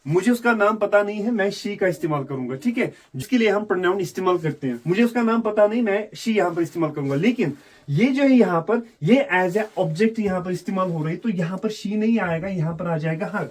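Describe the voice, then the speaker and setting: Guy teaching english grammar, kinda high voice, keeps asking then answering his own questions. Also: fairly quick. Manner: mixes Hindi with English phrases. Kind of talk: online grammar lesson.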